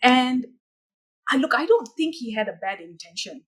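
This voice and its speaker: A woman's voice: high-pitched, sing-song, fairly bright tone, breathy edge, poor audio. A woman from Malaysia, a coach answering interview questions in an earnest, reflective way. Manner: earnest, measured storytelling with some restarts. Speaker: guest, coach.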